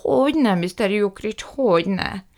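A woman's voice: mid-range voice, expressive, a little mellow, voice pushed up, lightly acted. A woman reading an audiobook, voicing a flustered, apologetic middle-aged man who pleads hesitantly.

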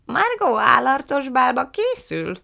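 A woman voicing an absent-minded elderly great-aunt who muses slowly. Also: high-pitched, huge pitch swings, gravelly, bright, forceful tone, pitched above the performer's own voice, exaggerated voice. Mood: chuckling. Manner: slow, musing, off-topic remarks.

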